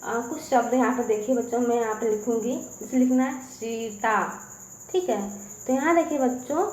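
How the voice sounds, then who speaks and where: A woman teaching children to read and write, drilling syllables one by one in a slow sing-song and then explaining spelling patiently. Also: on the high side, darkish tone, roomy sound, a little hiss or hum, rough recording. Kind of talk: children's alphabet lesson.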